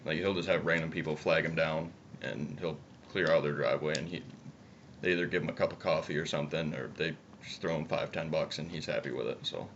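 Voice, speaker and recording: A man's voice: a bass voice, steady tone, fairly quick, a bit bright. A young man chats casually and bluntly, swearing, with chewing tobacco in his lip. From upstate New York, United States. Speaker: video co-host. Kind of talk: casual political chat. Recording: muffled, noisy amateur video audio.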